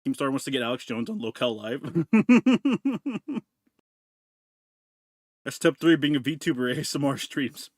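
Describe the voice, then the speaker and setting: A man's voice: mid-range voice, quick pace, no echo, studio quality. Crude joking male streamer chewing on mic. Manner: crude, joking, talks while chewing food. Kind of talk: casual stream chat. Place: home streaming setup. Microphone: desk mic with noise removal.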